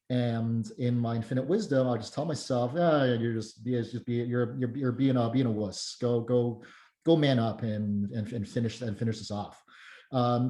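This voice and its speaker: A man in his mid-thirties talks loosely through a podcast chat, circling back and restarting his sentences. His voice is mellow and a little dark, and it carries a roomy echo. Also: mid-range voice. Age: 30s. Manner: rambling, many restarts and fillers. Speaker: strength coach and guest.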